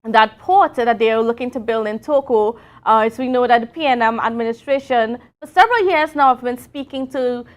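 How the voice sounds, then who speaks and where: Live from the studio, a high-voiced woman from Tobago hosts a morning talk show, chatting loosely with many fillers and laughing readily between points. She talks a little fast with few pauses, and the audio sounds dull.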